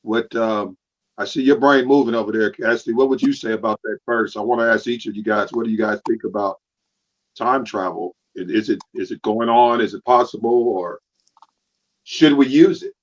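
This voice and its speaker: A man's voice: on the low side, moderate pace. Man asking rambling questions, dull sound. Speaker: host. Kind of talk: casual podcast hosting.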